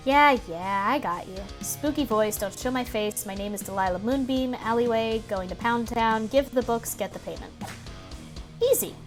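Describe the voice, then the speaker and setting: A woman's voice: on the high side, normal speed. A woman streamer reading a visual novel aloud, mixing narration with casual, sarcastic commentary and easy swearing. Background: faint music.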